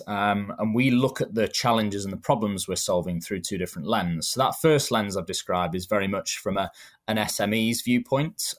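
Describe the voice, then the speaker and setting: A man in his thirties with a Manchester accent, answering interview questions in a measured, explanatory way with frequent ums. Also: lowish voice. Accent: Manchester English. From England. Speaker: guest.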